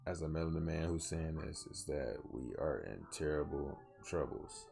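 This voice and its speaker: Over music, a young man with a bass voice and vocal fry hosts a solo podcast at a moderate pace. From southwest Georgia in the US, he rambles earnestly, restarts often and yawns as if tired.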